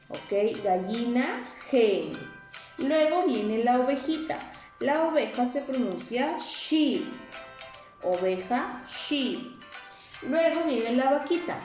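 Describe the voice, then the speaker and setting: Woman, preschool teacher, slow sing-song, fairly high voice, roomy room, light music behind. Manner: repeats each word slowly and asks the children to say it back; warm and encouraging. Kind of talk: slow, sing-song lesson for small children.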